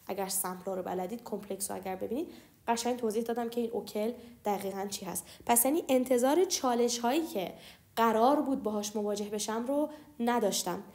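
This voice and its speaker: A young woman teaching French grammar. She explains patiently and slows down to spell out example phrases. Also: fairly high pitch, darkish tone. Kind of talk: explaining lesson.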